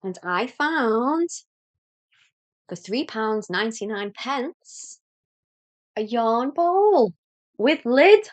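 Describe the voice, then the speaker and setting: A woman's voice: fairly high pitch, sing-song, drawn-out words, pauses often. A woman from Liverpool with a Scouse accent, hosting a knitting podcast in a chatty, rambling, self-deprecating way. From Liverpool, England. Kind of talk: casual chat to camera.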